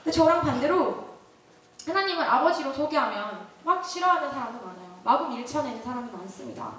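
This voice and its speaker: A woman's voice: high-pitched, lively intonation, a little fast, a bit bright. A young woman giving a sermon, telling a personal story with laughter and questions to the listeners. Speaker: speaker. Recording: very echoey hall, distant mic.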